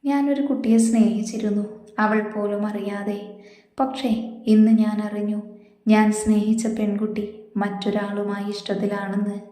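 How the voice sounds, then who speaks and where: A woman voicing a gentle, heartbroken young man who is a boss, speaking softly and earnestly. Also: medium pitch, flat delivery, moderate pace, lightly acted. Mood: tender. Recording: echoey room with long reverb.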